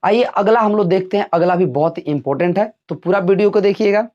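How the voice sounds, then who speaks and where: A man's voice: fast, darkish tone, muffled recording. A man teaching an English pronunciation lesson, asking the class questions and answering them himself. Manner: drills with repeated questions, answers dropping low.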